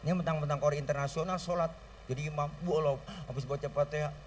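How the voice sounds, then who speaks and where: A man with a Betawi accent giving a comic sermon from a stage, telling stories lively and mimicking sounds and voices. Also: on the high side, fast, distant mic, slight background noise. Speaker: preacher. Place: stage at an outdoor school celebration. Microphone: stage microphone through a sound system.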